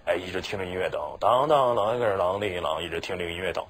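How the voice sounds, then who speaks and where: With a low, fairly bright voice at a quick pace, a male teacher who speaks Mandarin Chinese natively runs a talkative exam-prep class. Again and again he seeks agreement by asking "是吧".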